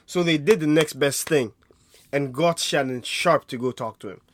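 A young man co-hosting a casual sports chat, excitable, laughing often and stumbling into restarts. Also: on the high side, normal speed. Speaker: podcast co-host.

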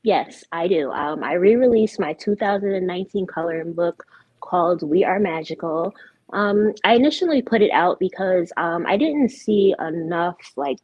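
A young woman talks candidly in a relaxed interview, her voice sitting a little low. The recording is dry and close, with a dull, lo-fi tone. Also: slightly rough, dry recording. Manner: candid, outspoken. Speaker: guest, artist. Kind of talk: casual interview.

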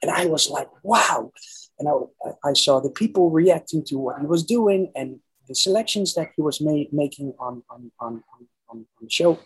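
Recounting his musical history in an interview, this man from the Netherlands, in his forties, tells personal stories casually in accented, second-language English, often repeating words as he searches for the right one. His voice is on the high side and slightly rough, with lively intonation, vocal fry, and normal speed, though the audio quality is poor.

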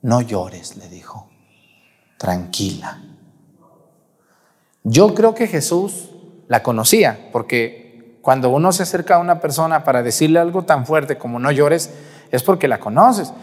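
A man preaching a sermon, retelling a Gospel story in a lively way and putting questions to his listeners. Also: a little high, moderate pace. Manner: storytelling, animated, asks the audience questions. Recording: long hall reverb.

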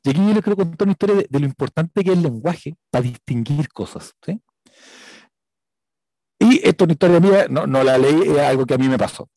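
A man's voice: a little high, lively intonation, fast talker, dark tone, no room sound, rough recording. A man with a Chilean accent preaching a conversational sermon and telling a personal story. He keeps checking in with his listeners by asking "right?".

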